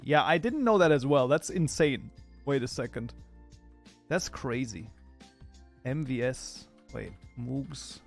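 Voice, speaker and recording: A man streaming his game modding live, chatting casually and reacting to chat in an excitable, rambling way. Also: on the high side.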